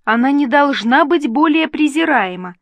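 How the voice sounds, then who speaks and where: A woman's voice: a little high, expressive, unhurried, dry recording. A woman voicing a gracious, dignified and tender queen in an audiobook reading. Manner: warm, reassuring.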